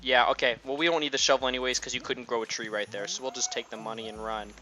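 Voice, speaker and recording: A man's voice: mid-range voice, fairly even intonation, fast, sharp tone. A man giving casual, chatty gameplay commentary, thinking aloud. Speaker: gaming video creator. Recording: slightly muffled lo-fi recording.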